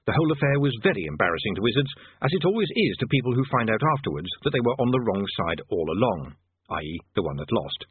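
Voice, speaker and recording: A man reading a comic fantasy audiobook as narrator, with expressive scripted delivery. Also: medium pitch, slightly rough. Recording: band-limited, phone-like audio.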